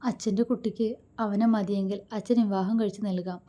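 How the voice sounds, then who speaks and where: A woman reading a story aloud, voicing a loving widowed father who speaks gently and pleadingly. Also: mid-range voice, steady tone, a little fast, close to an everyday voice. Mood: tender.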